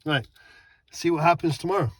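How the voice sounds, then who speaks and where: The recording is dry as a man with a slightly high voice talks fairly quickly in a casual nighttime vlog outdoors, testing the lights on a van. He's excitable, laughing, exclaiming and repeating words.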